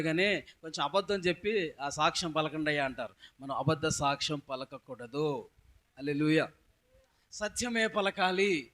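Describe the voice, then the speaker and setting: A pastor delivers a sermon in a high voice, raising it in loud emphatic calls. He keeps asking his congregation questions as he preaches. The delivery stays forceful throughout.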